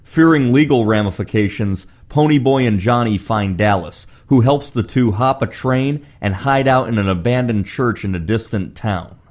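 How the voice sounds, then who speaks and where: A man's voice: medium pitch, normal speed, few pauses, darkish tone. A man narrates a film review from a script. His voice sits in the middle of the male range as he lays out the story in summary.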